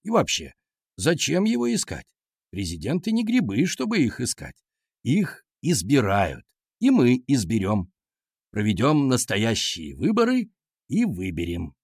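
A man voicing a stern but kind male schoolteacher in a lower, measured, lecturing tone with a husky voice. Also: huge pitch swings, dry recording, clean studio sound, full character voice. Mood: patient, lecturing.

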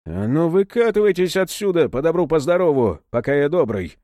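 A man voicing a hot-tempered brawny sauna instructor who shouts, curses and talks back. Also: fairly high pitch, very animated, brisk, no echo, pitched above the performer's own voice. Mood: furious. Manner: shouting, cursing, defiant.

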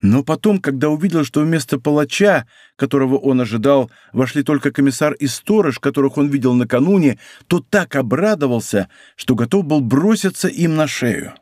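A man narrating an audiobook in a measured, expressive storytelling manner. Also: mid-range voice, no echo, studio quality. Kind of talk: scripted narration.

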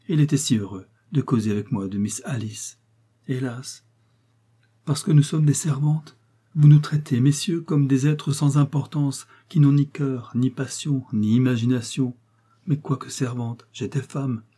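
A man's voice: medium pitch, steady tone, normal speed, warm tone, breathy edge, close to an everyday voice. A man voicing a nervous aging woman servant who trembles and sobs as she pleads. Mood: tearful confession. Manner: trembling, sobbing pleas.

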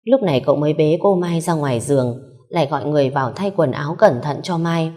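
Low-voiced woman reading a story. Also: fast talker, mellow. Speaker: narrator. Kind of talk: storybook narration.

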